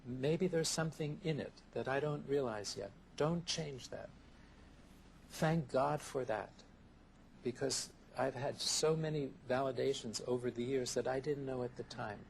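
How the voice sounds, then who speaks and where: A man speaks in a thoughtful, measured way, often building lists of ideas one at a time. His voice has a gravelly creak. The sound comes from a worn VHS tape copy, with faint tape hiss underneath. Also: mid-range voice. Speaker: interview guest, therapist. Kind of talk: reflective interview answers.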